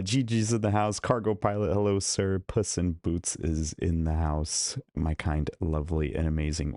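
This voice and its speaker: Deep and a little mellow, this man's voice comes through with no echo on a studio microphone connected to a laptop. He's chatting on a casual hotel-room live stream, greeting each viewer while losing his voice.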